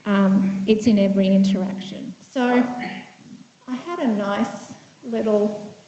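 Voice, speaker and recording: A Vietnamese woman psychiatrist gives a conference talk in a lecture room, taking it slowly in a mellow, mid-range voice. She is conversational and thoughtful, using many fillers and restarts. The lo-fi, dull recording has an echoey hall sound and slight background noise.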